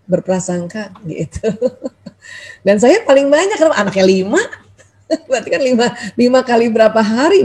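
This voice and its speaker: A middle-aged woman doctor giving a lively, chatty parenting lecture over a video call, often acting out quoted thoughts. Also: medium pitch, slightly rough. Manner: chatty, animated, acts out quoted thoughts with laughs.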